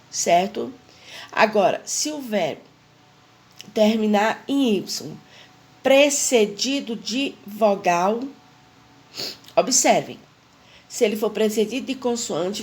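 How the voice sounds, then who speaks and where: A woman, teaching an English grammar lesson slowly and repeating the rules while stressing the example words. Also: medium pitch, gravelly.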